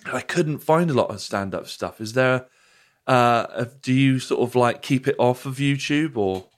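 A man's voice: medium pitch, normal speed. A British man talking casually and conversationally as a podcast host.

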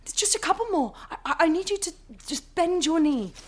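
An actress playing a frazzled new mother, talking to her baby in high, breathless, pleading baby-talk. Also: animated, fairly quick.

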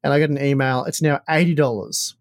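Slangy middle-aged Australian bloke in casual chat. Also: male voice, medium pitch, fairly even intonation, quick pace, no room sound. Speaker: podcast co-host.

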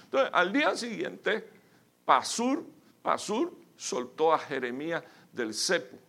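A male pastor preaching a sermon with emphatic, sudden loud bursts, calling his listeners brother. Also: a little high, very animated, slow pace, creaky.

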